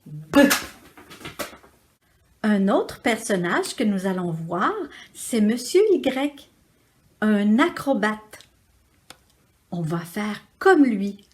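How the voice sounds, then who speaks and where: A woman with a Quebec French accent teaching preschoolers, sounding out syllables slowly and clearly in a sing-song way. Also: medium pitch. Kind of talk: slow, deliberate teaching for young children. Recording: echoey room.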